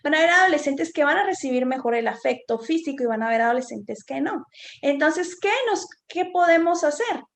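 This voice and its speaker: Woman, high voice, informal parenting lecture, tag questions, echoey room, video call. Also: animated, a little fast. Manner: warm, conversational, frequent tag questions. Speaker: psychotherapist giving a conference talk.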